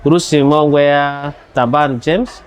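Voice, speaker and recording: A young man answering interview questions in a halting way, restarting phrases. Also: a little high, steady tone. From Australia. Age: young adult. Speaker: conference attendee.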